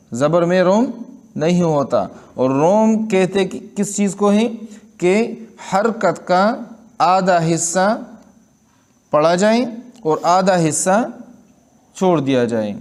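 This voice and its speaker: A man from Pakistan teaching Quran recitation rules in Urdu, explaining each rule and then showing it in slow, drawn-out recitation. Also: fairly high pitch, darkish tone. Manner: repeats words and checks in with listeners. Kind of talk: Urdu tajweed lesson with recitation.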